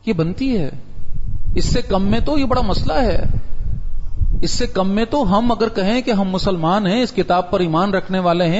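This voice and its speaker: A man's voice: high-pitched, darkish tone. A man preaching a sermon, explaining with rhetorical questions and rising to emphatic peaks. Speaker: Islamic preacher. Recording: dull reverberant hall sound.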